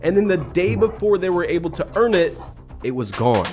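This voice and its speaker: A man's voice: high voice, very animated, normal speed, a little mellow, soft background music. A man narrating a critical commentary video, explaining things as he goes.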